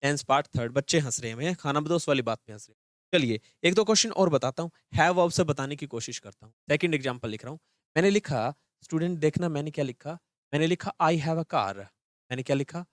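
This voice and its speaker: A young man teaching an English grammar class live online, talking fast and repeating questions back to the students. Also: a little high, lively intonation, dry recording, studio quality.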